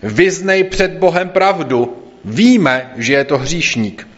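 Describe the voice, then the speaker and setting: A man's voice: fairly high pitch, animated, natural voice. Man reading as angry interrogating pharisee types, accusing tone, kinda dull lo-fi audio. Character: hostile male religious leaders, accusing.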